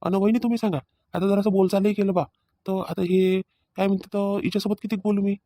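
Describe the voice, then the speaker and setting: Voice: mid-range voice, level tone, fast, mellow, no room sound, clean studio sound, close to an everyday voice. A performer voicing a remorseful young husband in a cartoon family drama who pleads and defends himself, speaking. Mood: defensive.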